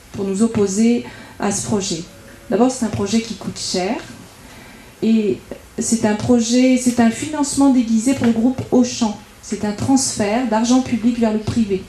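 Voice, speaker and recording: This French woman, a local campaigner from France, gives a prepared political speech in an indoor meeting room during a public debate, and the room is echoey. Her mellow voice runs on the high side, with slight background noise. Her manner is argumentative and methodical as she lists point after point.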